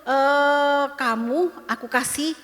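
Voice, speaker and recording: A woman's voice: high voice, slow, fairly bright tone, long reverb tail. A woman voicing a sulky, greedy male king who coaxes and bargains, in a Sunday school story. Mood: coaxing. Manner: coaxing, bargaining.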